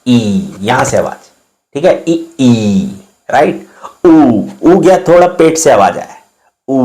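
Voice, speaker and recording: This is a man with a fairly high voice, teaching in a relaxed, informal way. He explains step by step, draws out single vowels and consonants to show how they sound, and keeps checking that his listeners are following. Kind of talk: informal spoken lesson.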